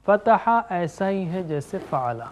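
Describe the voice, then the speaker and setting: A man teaching Quranic Arabic in an animated classroom lesson, chanting verb conjugations in a steady rhythm and urging his students along. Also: high voice.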